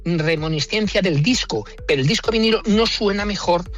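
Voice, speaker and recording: This man from Madrid speaks with a central Spanish accent in a high, slightly quick, fairly bright voice, with soft music in the background. Interviewed as an engineer, he explains things conversationally, using everyday examples, emphatic opinions and rhetorical questions.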